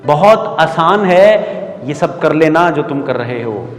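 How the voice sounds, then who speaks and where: A stern, caring schoolteacher, played by a man on stage, lectures his class in a preachy theatre monologue with an Indian accent. His voice sits a little high and rings through a long echoing hall. Faint music plays underneath. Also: animated, slow. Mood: earnest. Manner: scolding, preachy, rising to loud outbursts. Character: stern, caring male schoolteacher scolding students. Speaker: stage actor playing a teacher. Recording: echoey hall with music behind.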